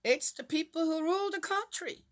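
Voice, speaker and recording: A woman from Switzerland, aged in her 60s, reads the Bible on her vlog in a relaxed, wandering monologue full of rhetorical questions. Her voice is very high-pitched and fairly bright, at a normal speed.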